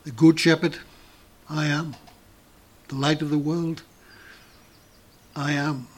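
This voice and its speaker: A man preaching a sermon in an earnest, emphatic way with dramatic pauses. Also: on the high side, little pitch movement.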